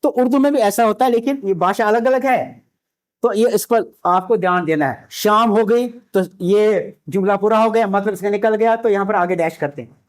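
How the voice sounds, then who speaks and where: Male language teacher with a high voice, patient and repetitive, slowly spelling out letters for a classroom lecture. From India. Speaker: Urdu teacher.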